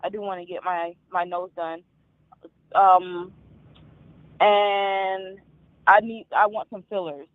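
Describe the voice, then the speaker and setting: A woman in her twenties, calling in to a live talk show and speaking candidly, often halting and trailing off. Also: mid-range voice, fairly even intonation, no echo. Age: 20s. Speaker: caller. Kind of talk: call-in talk. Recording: tinny phone line.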